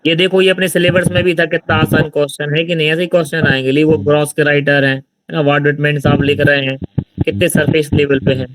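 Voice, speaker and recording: Man teaching literature, raised pitch. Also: level tone, quick pace, dry recording. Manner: explains answers, keeps checking with listeners. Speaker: exam-prep literature teacher. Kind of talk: informal exam-prep lecture. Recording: distant mic with loud background noise.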